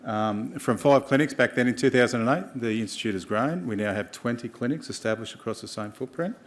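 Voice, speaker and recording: A man with an Australian accent giving an informal presentation in a halting way, with many ums and pauses. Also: medium pitch. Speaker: health organisation presenter.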